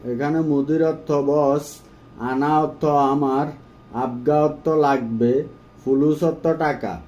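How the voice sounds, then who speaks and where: A man giving a phrase-by-phrase language lesson, saying each phrase and then repeating it slowly and carefully. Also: fairly high pitch, fairly even intonation, dark tone, lo-fi sound. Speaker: language teacher.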